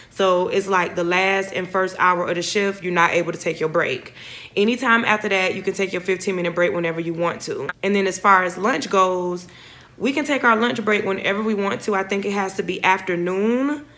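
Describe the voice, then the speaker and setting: A woman's voice: mid-range voice, fairly bright tone. Chatty young woman vlogging to her phone. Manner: chatty, rambling, addresses viewers as y'all. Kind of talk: casual vlog chat to camera. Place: home living room, then parked car. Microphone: phone camera at arm's length.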